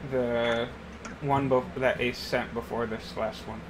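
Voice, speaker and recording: A man's voice: mid-range voice, little pitch movement, measured pace, background noise. A man co-hosting a podcast, teasing his friends and laughing often in a casual group call. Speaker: podcast co-host. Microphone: computer mic on a group call.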